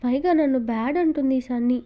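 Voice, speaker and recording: A woman's voice: sits high, a little fast, lo-fi sound, close to an everyday voice. A woman voicing an indignant, cheeky little boy with a childish manner.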